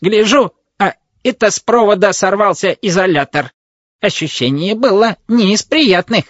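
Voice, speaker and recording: A man doing a creaky metallic robot. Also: sits high, lively intonation, moderate pace, no room sound, pitched above the performer's own voice. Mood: grumbling. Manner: pedantic, fussy, complaining. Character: fussy grumbling male wedding robot with a creaky metallic voice. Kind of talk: audiobook character voice. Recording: dull lo-fi recording.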